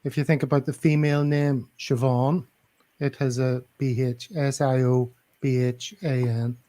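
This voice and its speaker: A man co-hosting a podcast on a video call. He explains patiently and thoroughly, pausing to spell out words letter by letter. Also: medium pitch, little pitch movement, warm tone. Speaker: podcast co-host. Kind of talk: casual podcast chat.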